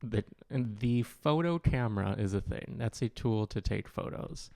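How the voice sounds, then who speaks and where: Low gravelly man explaining with analogies. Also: animated, measured pace, warm tone, no room sound, studio quality. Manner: explains with analogies, many "like" fillers. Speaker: podcast co-host. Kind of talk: casual chat.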